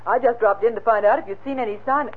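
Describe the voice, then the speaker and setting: A woman's voice: a little high, fast talker, lightly acted. A woman playing an earnest, concerned young heroine in an old radio space adventure serial. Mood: chatty, curious. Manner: earnest, exclaiming. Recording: noisy, tinny vintage radio recording.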